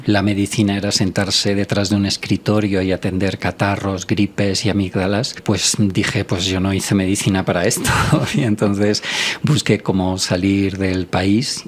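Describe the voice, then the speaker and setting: A man's voice: deep voice, a little hiss or hum. A man in his sixties from Spain, a doctor telling his life story as a podcast guest in a reflective way, with many filler words. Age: 60s. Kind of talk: podcast interview.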